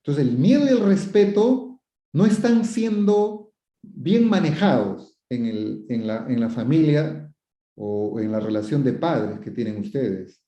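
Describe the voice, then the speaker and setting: A man's voice: mid-range voice, animated, measured pace, dark tone. A psychotherapist answering viewers' questions, a man who explains with many repetitions and rhetorical questions. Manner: quotes questioners and acts out sample phrases. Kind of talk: advice talk. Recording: roomy, dull lo-fi sound.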